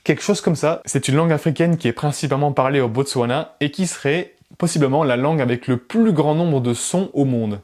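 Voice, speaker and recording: Lively French man explaining languages. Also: fairly high pitch. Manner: lively, laughs often, playful asides. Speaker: language-learning YouTuber. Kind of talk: casual explanatory talk to camera.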